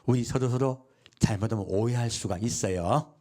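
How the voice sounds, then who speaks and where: The pastor speaks at normal speed in a mid-range voice, giving an animated sermon. Questions go out to the congregation and he answers each one himself, acting out quotes as he preaches.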